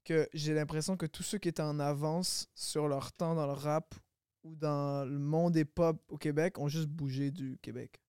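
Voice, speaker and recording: A man guesting on a podcast as a rapper, speaking in a candid, easygoing way, a little self-deprecating. His voice sits slightly high and sounds smooth and clean, recorded dry and close. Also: fairly even intonation, moderate pace, darkish tone, no echo. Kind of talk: casual chat.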